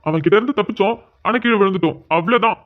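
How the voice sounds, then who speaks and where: A woman's voice: medium pitch, racing, close to an everyday voice. A woman voicing a young man, an injured, exasperated son, in a cartoon. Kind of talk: cartoon voice acting. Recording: tinny phone-like sound.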